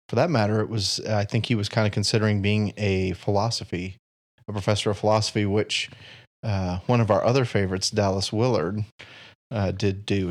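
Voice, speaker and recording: A man co-hosting a podcast in relaxed casual chat, pausing often as he thinks. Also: on the low side. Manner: relaxed, hesitant, many pauses and fillers. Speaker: podcast co-host.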